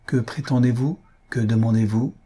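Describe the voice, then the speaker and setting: A man reading an audiobook, voicing a composed, dignified young woman who speaks in a measured, stern and formal way. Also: mid-range voice, fairly even intonation, warm tone, slightly rough, lightly acted. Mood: dignified reproach.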